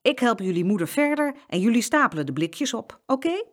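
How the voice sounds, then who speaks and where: A woman's voice: on the high side, very animated, a little fast, pitched above the performer's own voice. Woman reading a polite shopkeeper man. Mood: restrained. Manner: friendly but holding back annoyance. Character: grown male shopkeeper, politely restrained.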